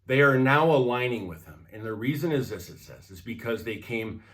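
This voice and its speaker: A man's voice: mid-range voice, animated, normal speed, fairly bright tone. A man from the United States giving a conversational devotional sermon, emphatic and direct, often checking in with the listener. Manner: conversational, emphatic, with repeated tag questions. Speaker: pastor.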